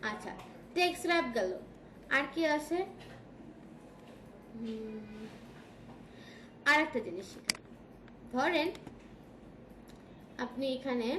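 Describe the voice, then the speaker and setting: Female tutor with a Bangladeshi Bengali accent, high pitch, quizzes the class as she goes; roomy recording with audible noise. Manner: checks in often with questions to students. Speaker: design tutor. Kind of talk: classroom software lesson. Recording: echoey room with background noise.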